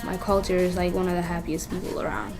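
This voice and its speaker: A woman's voice: lowish voice, little pitch movement, quick pace. A young woman from Kenya, talking earnestly and reflectively in a casual interview at a community center. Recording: music playing under the voice.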